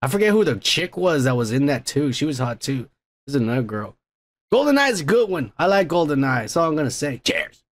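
A man's voice: on the high side, big pitch swings, brisk. A man hosting a show and reading viewer comments in a rambling, profane, casual way, his microphone heavily compressed. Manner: rambling, swears freely, frequent restarts. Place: home.

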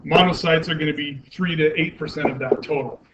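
Heard through a muffled, lo-fi classroom recording with faint noise, this anatomy lecturer talks at a brisk clip. His pitch is fairly high and his intonation fairly even. He questions the class while explaining step by step, often using fillers and correcting himself.

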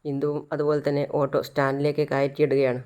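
A woman retelling a TV serial episode in plain, steady storytelling. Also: deep voice, fast talker, clear, resonant tone. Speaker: serial recap narrator.

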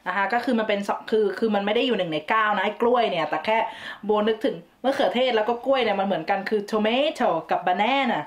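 A Thai woman hosts a vlog, chattily explaining words in a medium-pitched voice that runs rapid-fire with few pauses. She mixes in English words and adds giggly asides in this casual explainer.

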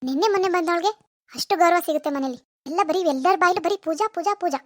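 A woman's voice: extremely high pitch, fast talker, no echo, clean studio sound. A woman voicing a jealous, whiny cartoon wife. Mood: complaining. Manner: whiny, sulky and scheming. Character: spiteful, jealous young wife, elder daughter-in-law. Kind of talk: cartoon voice acting.

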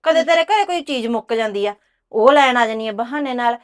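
An actress playing a proud, quick-tempered village housewife who scolds and curses, speaking. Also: female voice, fairly high pitch, animated, lightly acted. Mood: scolding. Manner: scolding, cursing. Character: sharp-tongued village housewife, angry and proud. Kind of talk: village drama dialogue.

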